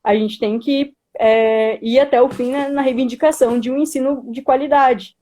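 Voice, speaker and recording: A woman's voice: sits high, fairly even intonation, normal speed, mellow. A young Brazilian woman giving informal political commentary as a student activist, speaking earnestly and hesitantly with frequent tag questions. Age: young adult.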